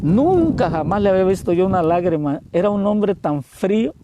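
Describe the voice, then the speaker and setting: A man in his sixties with a Mexican accent, preaching a sermon as an evangelist and telling a story with feeling, booming at some moments and going hushed at others. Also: lively intonation, normal speed, lo-fi sound, slight background noise. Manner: emotional storytelling, swings between loud exclamations and hushed words.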